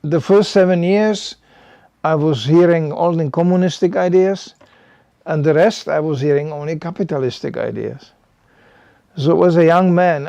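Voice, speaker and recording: Older guy giving a chatty sermon, says you know a lot, kinda high but mellow voice, dry sound. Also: creaky, no echo, highs cut off. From Czechoslovakia. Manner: conversational, animated, frequent "you know". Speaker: preacher. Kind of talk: sermon to a small gathering.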